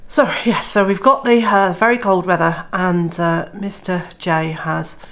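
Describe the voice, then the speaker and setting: An unhurried Welsh woman with a lowish, fairly bright voice chats to camera about her homestead in a casual vlog. Her cold gives her a nasal, throaty sound, and she uses many "uh" fillers.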